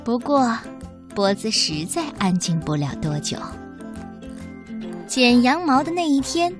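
A woman reading a children's picture book aloud, in an expressive, sing-song storytelling voice. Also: fairly high pitch, measured pace, over music.

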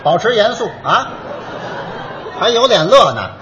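A man's voice: sits high, very animated, unhurried, a bit bright, lo-fi sound, some chatter behind, slight background noise. Wry teasing male crosstalk comedian. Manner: wry, teasing straight man. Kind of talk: stage crosstalk dialogue.

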